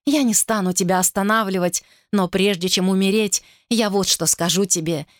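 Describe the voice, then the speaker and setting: A woman's voice: medium pitch, moderate pace, no room sound, clean studio sound, natural voice. A woman reading a frightened, desperate wife. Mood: defiant.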